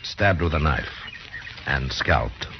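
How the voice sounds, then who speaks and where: An actor playing a firm, fair-minded western marshal in an old drama, terse and measured in his authority. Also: a bass voice, lively intonation, full character voice. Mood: stern questioning. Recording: dull lo-fi old recording with faint noise.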